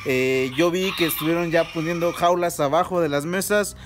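A man's voice: fairly high pitch, normal speed, music in the background. A young man with a Mexican Spanish accent, chatting informally into a phone held at arm's length outdoors under trees, with fillers and restarts. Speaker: miniature rooster breeder vlogger. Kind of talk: casual selfie vlog review. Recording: phone audio with roosters crowing behind.

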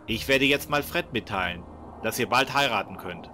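A man voicing a brisk, confident young hero in a fan-made game mod, matter-of-fact. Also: mid-range voice, lively intonation, bright, forceful tone, soft background music.

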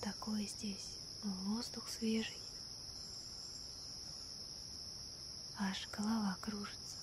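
A woman in an ASMR role-play as a gentle, wonder-struck girlfriend stargazing at night, soft-spoken softly right into the listener's ear. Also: mid-range voice, little pitch movement, unhurried, close to an everyday voice. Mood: tender, intimate. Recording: night crickets, insects and clear ambient noise. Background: crickets and night insects.

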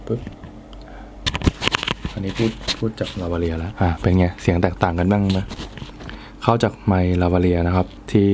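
A man with a low-pitched, warm voice reviews gear for his channel, talking casually and thinking aloud as he unboxes and handles it. There's a little hiss or hum in the recording.

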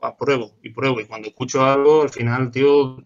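Man, Andalusian accent, rapid casual chat, slangy fillers, muffled lo-fi sound. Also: medium pitch, steady tone. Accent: Andalusian Spanish. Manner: fast, slangy, says "tío" and "¿sabes?" constantly. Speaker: guest musician. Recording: dull lo-fi sound.

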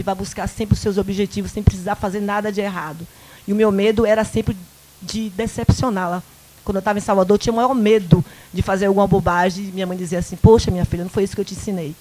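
Holding a mic in a small local studio, a fiftysomething event producer from inland Bahia shares personal anecdotes with lively energy and a Bahian Portuguese accent. Her pitch sits in the middle, and she voices the characters in her stories, sprinkling in plenty of "né?". The audio quality is poor.

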